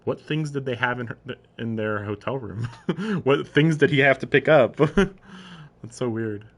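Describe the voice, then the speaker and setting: This man's mid-range voice sounds animated and fairly bright, and he takes his time. He's reading a story aloud on a live stream, stopping between passages for informal, questioning commentary of his own.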